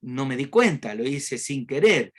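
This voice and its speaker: A man's voice: medium pitch, big pitch swings, a little slow, fairly bright tone. A man voicing a huge, clumsy male elephant who keeps begging for forgiveness. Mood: pleading. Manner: pleading and apologetic.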